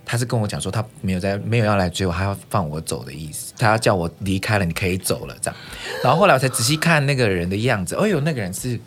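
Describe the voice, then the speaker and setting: A man's voice: fairly low pitch, lively intonation, racing, hardly any pauses, slight background noise. A man from Taiwan, a guest singer-songwriter on a chat podcast, who laughs often and drifts off topic.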